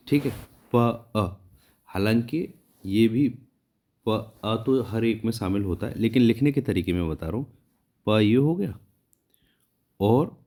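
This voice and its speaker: Low, slow-spoken man teaching shorthand. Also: warm tone. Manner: patient, repeats "ठीक है" to check understanding; counts and names the strokes as he draws them. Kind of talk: step-by-step tutorial explanation.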